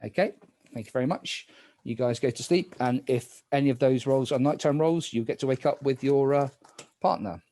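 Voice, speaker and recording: A man's voice: mid-range voice, fairly quick, dark tone. A man hosting a game casually as moderator, giving instructions to the players.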